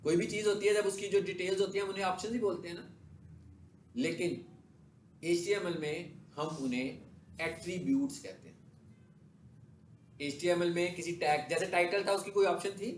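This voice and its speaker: High-voiced male teacher. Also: fairly even intonation, normal speed, long pauses, slight background noise. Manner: asks the class questions and answers them himself. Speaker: digital marketing instructor. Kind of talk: classroom lecture with screen demo.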